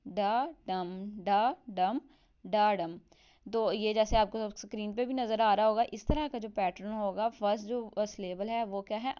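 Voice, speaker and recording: Woman teaching, smooth clear voice. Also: medium pitch, darkish tone, muffled recording. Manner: explains step by step with rhetorical questions; reads English definitions slowly. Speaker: online English literature teacher. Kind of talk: explanatory lesson, Hindi mixed with English terms.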